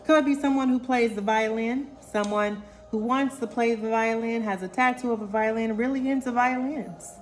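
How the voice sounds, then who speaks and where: Female oracle reader, playful and lively, faint background music. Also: a little high, normal speed, hardly any pauses. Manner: animated, playful, calls viewers honey and y'all. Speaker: intuitive oracle card reader. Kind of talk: casual tarot-style card reading.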